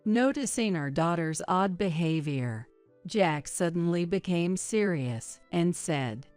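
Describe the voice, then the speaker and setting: Lady reading out a story slow and measured, smooth clear voice, lowish. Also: animated, a little mellow, soft background music. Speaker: narrator. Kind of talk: scripted story narration.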